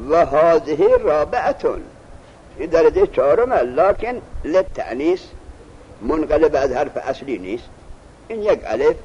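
A man's voice: on the high side, mellow. A male teacher giving a classroom lesson, reading a text aloud, then explaining it and quizzing his students. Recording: muffled lo-fi recording with faint hiss.

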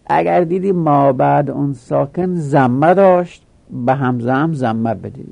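A man teaching a grammar lesson, explaining slowly and repeating each step while asking questions. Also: medium pitch, creaky, mellow.

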